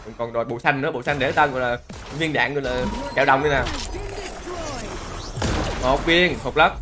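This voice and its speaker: A man doing live gameplay commentary, who exclaims loudly and greets and teases his chat viewers. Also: medium pitch, fairly quick, background noise. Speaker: game streamer. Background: game music.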